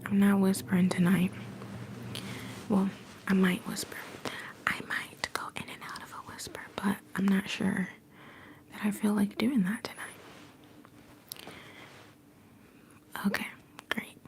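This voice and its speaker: At home on a whispered ASMR livestream, a woman shifts between a soft whisper and a soft-spoken voice as she gently greets chat viewers through a phone placed some distance away. Her mid-range voice holds a level tone, and she takes it slowly with long pauses.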